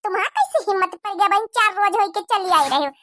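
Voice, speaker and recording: A woman's voice: expressive, fast, bright, forceful tone, no room sound, studio quality, full character voice. A woman voicing a dramatic, gossiping village aunt in a cartoon, wailing in an Awadhi accent. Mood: fretful. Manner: melodramatic, wailing, shrill. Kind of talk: cartoon dubbing.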